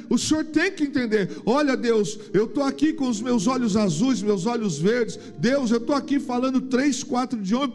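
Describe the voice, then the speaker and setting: A man voicing a vain young man smugly boasting to God in prayer. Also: very high voice. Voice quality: smug, self-satisfied.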